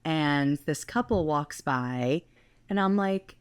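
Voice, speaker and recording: A woman's voice: low-pitched, animated, takes it slowly, clean tone. A young woman co-hosting a podcast, telling a travel story in a chatty way full of fillers. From United States. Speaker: podcast co-host.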